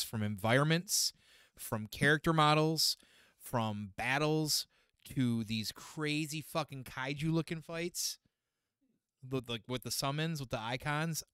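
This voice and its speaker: A man's voice: mid-range voice, sharp tone, smooth, dry recording, studio quality. A man co-hosting a podcast in casual chat, crude and enthusiastic, often stumbling on his words. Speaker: podcast co-host.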